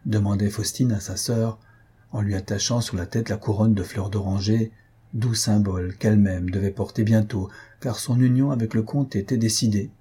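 A man narrating a classic novel in a measured, literary reading style. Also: on the low side, fairly even intonation, dark tone, husky. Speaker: audiobook narrator. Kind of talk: scripted narration.

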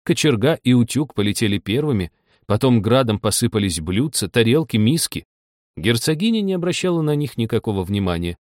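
A man reading a storybook aloud in steady scripted narration. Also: mid-range voice, brisk, no room sound, studio quality. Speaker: audiobook narrator.

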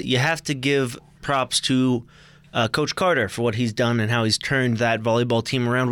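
A man's voice: medium pitch, fairly bright tone, clean tone, no echo. A young man co-hosting a casual college sports preview, chatty and joking, often stumbling and correcting himself. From United States. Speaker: sports show co-host.

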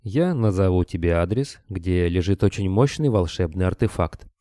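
A man's voice: low-pitched, moderate pace, no room sound. A man voicing a grim, deathless monster hunter who speaks dryly and tersely. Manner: dry, calm, terse.

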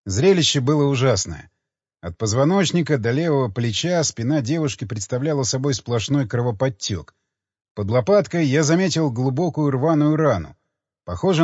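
Husky male audiobook narrator. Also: mid-range voice, a little mellow, no echo, highs cut off. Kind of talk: first-person scripted narration of a thriller.

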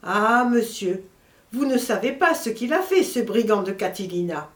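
A woman's voice: medium pitch, animated, normal speed, close to an everyday voice. A woman reading an audiobook voices a distraught male household servant, wailing his exclamations. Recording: roomy echo.

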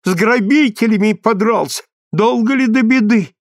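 A man's voice: high-pitched, dry recording, clean studio sound, pitched above the performer's own voice. A man voicing a fussy, anxious old woman who dotes on the boy she raised. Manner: worried, exclaiming, quick to fret. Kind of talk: audiobook character voice.

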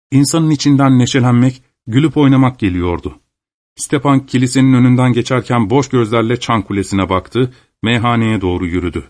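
A man narrating an audiobook in a steady, storytelling manner. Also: lowish voice. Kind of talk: scripted narration.

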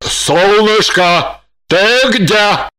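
A woman voicing a sleepy, doting husband who calls out to his wife in slow, drawn-out words. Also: medium pitch, a bit bright, clear, resonant tone, dry recording. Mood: calling. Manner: drawn-out, calling from afar.

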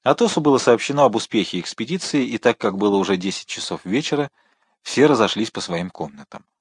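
A man reading a classic novel aloud as an audiobook narrator, in even, unhurried storytelling. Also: lowish voice, husky, dry recording, studio quality. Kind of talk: scripted narration.

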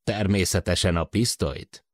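A man voicing a joking male spaceship crewman stuck in the dark, chatty and teasing. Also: low voice, no room sound, clean studio sound.

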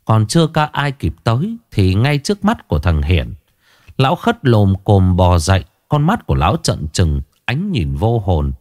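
Expressive male horror storyteller. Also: fairly low pitch, dry recording, studio quality. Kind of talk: scripted horror narration.

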